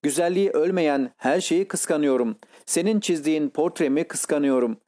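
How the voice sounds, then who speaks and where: A handsome, anguished young man, voiced by a male reader pours out his feelings with urgent, pleading intensity. The voice sits a little high and warm. The delivery hurries as his passion rises. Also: moderate pace, lightly acted. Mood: bitter. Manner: impassioned, pleading.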